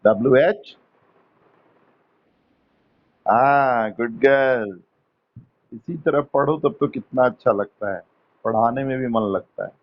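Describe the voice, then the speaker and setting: A man runs an English class and quizzes students one at a time. He speaks slowly and patiently, coaxing answers and teasing a little. The sound is muffled and lo-fi. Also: mid-range voice. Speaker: English teacher.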